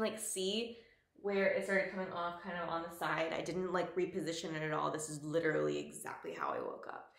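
A woman's voice: on the low side, vocal fry, a bit bright. A woman vlogger chatting casually through a product review, full of fillers and an occasional whisper. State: morning voice. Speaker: beauty vlogger. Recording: echoey room.

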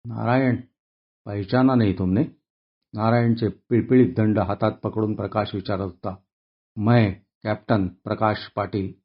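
A man voicing a calm, commanding army captain who speaks firmly and steadily. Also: lowish voice, a little slow, lo-fi sound. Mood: urgent.

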